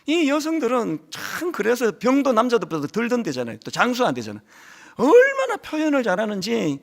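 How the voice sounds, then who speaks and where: A man's voice: very high voice, a little fast. A middle-aged male pastor preaching a sermon, telling stories animatedly and acting out quotes, with a lingering cold. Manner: animated storytelling with acted quotes.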